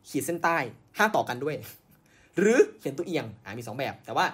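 A man's voice: fairly high pitch, expressive, fast talker, fairly bright tone, breathy edge. A man hosting a podcast, telling science history in a casual way, with many fillers and self-corrections. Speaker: podcast host.

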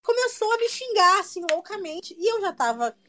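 A woman, telling a story in casual chat with a mocking, lively manner. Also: very high-pitched, fairly quick. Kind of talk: casual chat about gaming.

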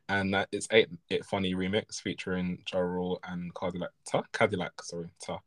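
Male podcast co-host, lowish voice, rambling and self-correcting, chuckling as he goes. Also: flat delivery, normal speed, fairly bright tone. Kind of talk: casual chat.

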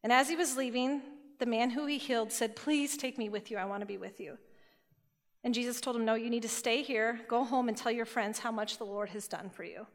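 A woman giving a sermon to a youth group, retelling scripture stories in a lively, casual storytelling way. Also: fairly high pitch. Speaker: youth speaker. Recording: long hall reverb.

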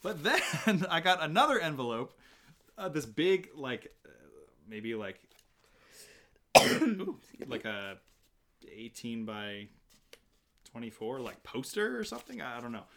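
A young man chatting casually as a podcast co-host. He rambles and restarts his sentences, with frequent fillers and laughs. His pitch is ordinary for a man. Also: big pitch swings, unhurried, long pauses, a bit bright. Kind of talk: casual chat.

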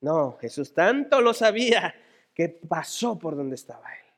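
A Mexican man preaching a sermon as a pastor, dramatic, moving between shouted appeals and hushed tones. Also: a little high, very animated, unhurried.

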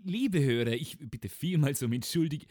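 A self-styled rebel pirate radio host, played by a man, announces his illegal show with puffed-up bravado. He stammers and piles up hesitations, his pitch leaping all over the place. The sound is close and dry, with no room around it. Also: lively intonation, moderate pace, a little mellow, breathy edge, no echo. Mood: flustered announcing. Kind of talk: comic audio sketch.

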